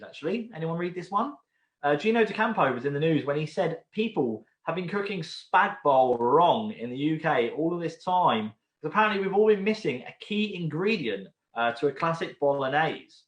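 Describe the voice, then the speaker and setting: A man's voice: on the high side, sing-song, moderate pace. Uk guy running a pub quiz from home, chatty, rambles and repeats questions, roomy echo. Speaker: quiz host. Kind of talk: casual livestream quiz hosting. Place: room at home.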